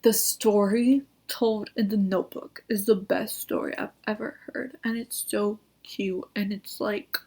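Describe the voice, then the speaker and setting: A woman's voice: medium pitch, fairly even intonation, measured pace, few pauses, a little mellow, husky. A young woman, a YouTuber, chatting casually about her favourite shows, gushing and saying "like" constantly. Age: young adult. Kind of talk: casual recommendation chat.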